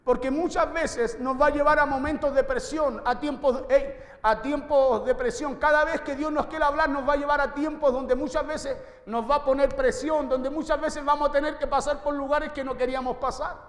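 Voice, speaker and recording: High-voiced preacher in an echoey hall. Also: male voice, flat delivery, brisk, few pauses, a bit bright. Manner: preaching with rhetorical questions to the congregation. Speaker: pastor. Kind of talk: sermon. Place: church hall.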